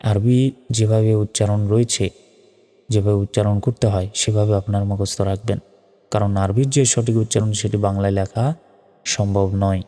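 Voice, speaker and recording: A man with a Bangladeshi Bengali accent teaches Quran pronunciation in a low, mellow, even voice. He spells each word out letter by letter and then chants it slowly. The sound carries a long reverb with faint music underneath. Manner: spells words letter by letter, drawn-out chanted recitation. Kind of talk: spoken lesson on Quran pronunciation.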